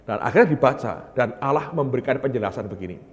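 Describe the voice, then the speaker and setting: A male pastor preaching a sermon, telling stories with lively energy and often addressing the congregation directly. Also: medium pitch, fast. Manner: animated storytelling, often calling the congregation "brothers". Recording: long hall reverb.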